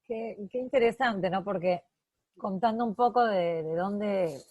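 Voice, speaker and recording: Woman, podcast co-host, reflective, voseo, middle pitch, dry sound. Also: measured pace, darkish tone, dry recording, lo-fi sound. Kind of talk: casual interview conversation. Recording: dry recording.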